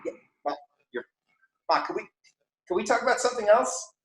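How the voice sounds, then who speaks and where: A man's voice: very high-pitched, lively intonation, a little fast, a bit bright, echoey room, voice pushed up, low-quality recording. A man playing a flustered son stammering at his mom. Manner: stammering, repeating himself.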